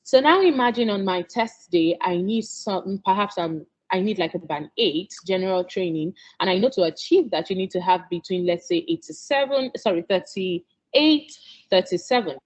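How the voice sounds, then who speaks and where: An expressive, slightly mellow mid-range voice belongs to a Nigerian tutor whose native tongue is Yoruba. At a moderate pace she delivers a sincere exam-prep lesson, encouraging listeners and punctuating points with "okay?".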